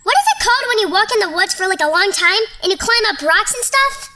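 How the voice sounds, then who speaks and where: A woman voicing a small, childlike, imaginative cartoon creature who talks in an animated, playful, dramatic way. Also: very high-pitched, fast, heavily acted. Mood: eager storytelling. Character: small limbless excitable imaginative kid creature, storyteller.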